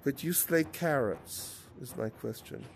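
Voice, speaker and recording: Teasing man with a gravelly edge. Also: medium pitch, animated, unhurried, slight background noise. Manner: teasing, jokey, slips into put-on accents. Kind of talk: casual chat.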